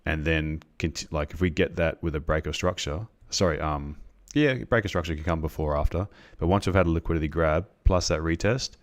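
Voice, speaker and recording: With an extremely low voice, a man on a live trading stream walks viewers through chart setups. His explanations are halting, full of restarts and ums.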